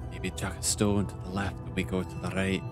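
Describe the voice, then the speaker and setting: A man's voice: sits low, monotone, fairly quick. A man chatting casually as a player in a tabletop game. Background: background music.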